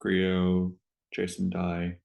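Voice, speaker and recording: A man's voice: low-pitched, monotone, extremely slow, vocal fry, a little mellow, echoey room. A man co-hosting a casual sports podcast, chiming in with short remarks. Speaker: podcast co-host.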